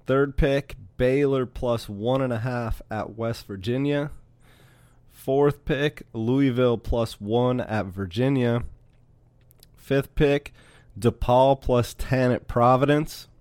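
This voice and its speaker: Male podcast host, even mid pitch, smooth and resonant, steady listing of picks. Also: slow, no room sound. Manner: steady, lists picks one by one. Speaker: sports betting podcast host. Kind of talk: casual sports picks chat.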